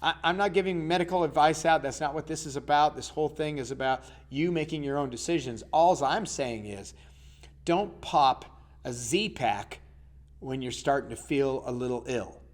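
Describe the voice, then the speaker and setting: A man's voice: fairly high pitch, normal speed. A man, teaching a casual health lesson as a coach and putting questions to his listeners. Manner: chatty, asks the listener questions.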